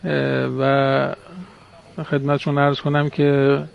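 A male official speaks in a gravelly, flat voice, formal and deliberate in his phrasing. The sound is dull and muffled like a remote line. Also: mid-range voice. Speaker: government official. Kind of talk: official statement on air.

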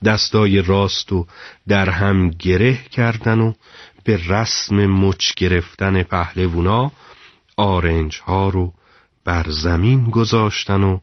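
A man narrating a story in a measured, dramatic storytelling delivery. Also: low-pitched, dry recording, lo-fi sound.

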